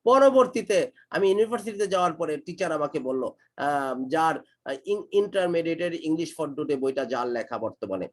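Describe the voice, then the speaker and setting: A man's voice: on the high side, expressive, normal speed. A middle-aged Bangladeshi man teaching kids English in an online class, emphatic and repeating his points, mixing English phrases into his speech. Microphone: online class call.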